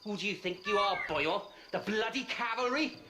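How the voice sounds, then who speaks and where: An actor playing a menacing Welsh outlaw with a Welsh accent and a sing-song, sneering delivery. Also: male voice, sits high, animated, moderate pace. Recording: noisy game audio.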